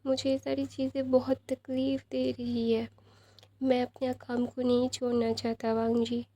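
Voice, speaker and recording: Tearful young man, read by a woman, plaintive, dark and gravelly tone. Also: fairly high pitch, level tone, unhurried, no room sound.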